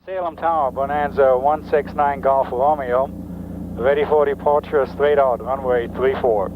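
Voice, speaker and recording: A man's voice: medium pitch, fairly even intonation, normal speed. A man, a pilot, making clipped radio calls to air traffic control over a cockpit headset radio. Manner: clipped aviation radio phrasing. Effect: pilot speaking over a cockpit headset radio. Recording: muffled cockpit radio with engine noise.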